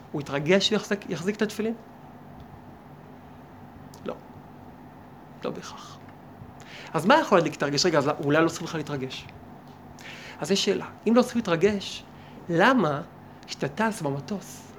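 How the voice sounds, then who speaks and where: High-voiced, animated male rabbi teaching. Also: slight background noise. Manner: animated, asks many rhetorical questions and acts out imagined dialogues. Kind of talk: lively Torah lesson.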